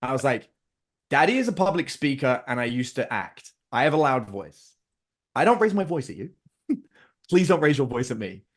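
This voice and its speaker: A middle-aged man appears as a podcast guest, speaking at a moderate pace in a very animated, medium-pitched voice. His casual family stories feature him acting out what he and his children said.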